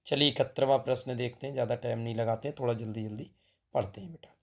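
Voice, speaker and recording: A man's voice: mid-range voice, steady tone, fast, creaky. A man teaching a grammar lesson to students, calling them "beta" and making joking asides between corrections.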